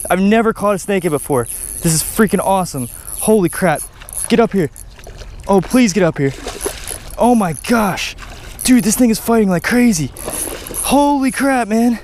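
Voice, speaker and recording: A young man in his twenties filming a casual fishing vlog outdoors by a pond on a body-worn camera, excitable and saying "literally" and "dude" a lot. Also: sits high, slight background noise. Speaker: fishing vlogger. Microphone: action camera worn on body.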